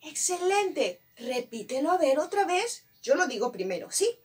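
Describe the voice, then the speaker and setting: A woman teaching a virtual class to young children, coaxing and animated as she talks straight to the child. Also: sits high, moderate pace. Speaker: preschool teacher.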